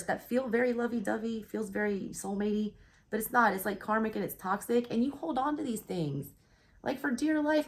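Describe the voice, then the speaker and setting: Speaking a little high, a Southern-accented American woman delivers a frank, offhand tarot reading full of cursing. Hiccuping as she goes, she keeps asking "all right?"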